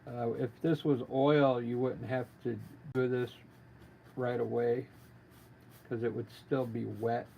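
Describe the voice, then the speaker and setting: A man giving a casual live painting lesson as a gentle, informal instructor with a gravelly voice, talking while he works. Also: medium pitch, flat delivery, slow pace, lo-fi sound. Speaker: painting instructor, livestream artist. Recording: noticeable background noise, live stream.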